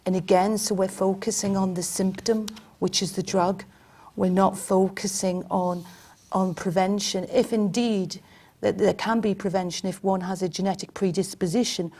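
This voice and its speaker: A woman's voice: mid-range voice, steady tone, moderate pace, warm tone. A woman speaking as a panel guest, answering in a firm and emphatic way. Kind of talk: panel discussion.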